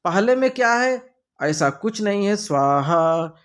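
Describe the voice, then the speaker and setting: A man's voice: high-pitched, lively intonation, moderate pace. A man with a Hindi accent teaching an English grammar lesson, talking the class through answer options with playful, theatrical asides.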